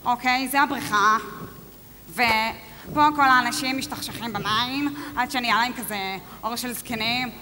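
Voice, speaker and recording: A woman's voice: fairly high pitch, steady tone, pushed and bright, slight background noise. An actress playing a chatty tour guide who hurries her group along. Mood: brisk. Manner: brisk, hurrying the group along. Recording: long reverb, faint clicks.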